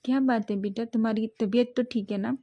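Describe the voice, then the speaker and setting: A woman voicing a caring middle-aged mother who grows quietly suspicious in a storybook romance. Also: fairly high pitch, fairly even intonation, brisk, no echo, lo-fi sound. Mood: motherly.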